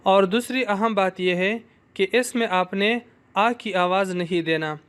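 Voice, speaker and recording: A young man teaching a language lesson, slowly and patiently repeating each syllable several times for students to echo. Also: sits high, a bit bright, clear, resonant tone. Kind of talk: pronunciation drill lesson.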